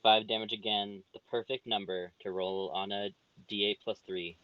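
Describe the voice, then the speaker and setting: A man playing in a tabletop game, making dry, deadpan jokes. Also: on the low side, normal speed, highs cut off. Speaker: player.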